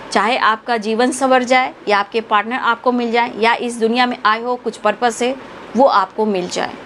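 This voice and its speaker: A woman's voice: a little high, slight background noise. A woman tarot reader, giving spiritual guidance to her viewers in an earnest, affectionate, preachy way.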